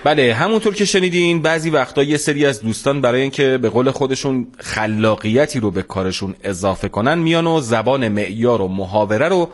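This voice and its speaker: A man's voice: mid-range voice, animated, hardly any pauses, faint music behind. A man hosting a comic radio show, friendly and mock-stern with his co-host, in a radio studio.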